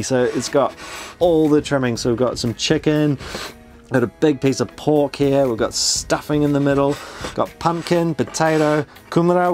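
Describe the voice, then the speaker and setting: A man's voice: medium pitch, a little mellow. A man, hosting a food vlog, eagerly explaining dishes as he eats inside a camper van. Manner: enthusiastic, explains dishes while eating. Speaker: food vlogger host. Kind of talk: casual food vlog narration.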